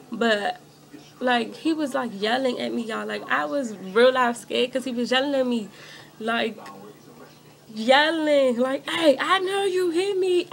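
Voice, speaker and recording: Gravelly young woman telling a rambling story. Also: a little high. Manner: rambling, talks straight to viewers, fills with "like"; animated when indignant. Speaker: beauty vlogger. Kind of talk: casual storytime chat. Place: at home doing makeup.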